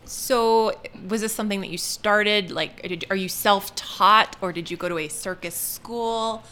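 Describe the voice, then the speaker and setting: Bright-voiced woman asking curious questions. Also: mid-range voice, a little slow, clear, resonant tone. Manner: conversational, curious, thinks aloud with "like". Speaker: podcast co-host. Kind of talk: interviewing a guest.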